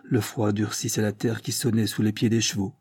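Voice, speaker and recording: A man narrates a classic novel in a steady, even storytelling manner. His voice is dark and mellow with a husky grain. The recording is dry and close. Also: on the low side, brisk, no echo. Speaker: audiobook narrator. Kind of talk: literary audiobook narration.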